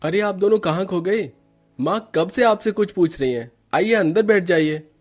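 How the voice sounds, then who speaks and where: A man's voice: high-pitched, normal speed, faint music behind. A man voicing a cheeky young husband who teases the new brides, in a cartoon story. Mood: friendly. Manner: teasing. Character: cheeky young adult son, teasing his new wives.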